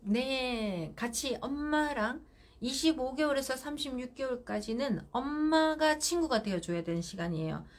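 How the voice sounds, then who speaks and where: A middle-aged woman giving parenting advice on a live stream, firm and animated, acting out what mother and child say. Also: high voice, moderate pace. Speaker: parenting counselor.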